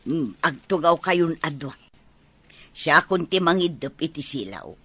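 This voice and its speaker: Woman doing a fond teasing filipino mom, ilocano accent, radio drama, slow and husky. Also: deep voice, big pitch swings, a bit bright, no echo, full character voice. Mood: fond, chatty. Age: middle-aged. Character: excitable village mother, fond and teasing. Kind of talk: comedy radio drama acting.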